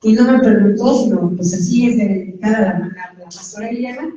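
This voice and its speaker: A woman with a Mexican accent shares a church testimony, speaking straight to listeners in a conversational way with a warm, mid-range voice at normal speed. She's in a church hall, picked up by a distant, dull mic amid heavy echo.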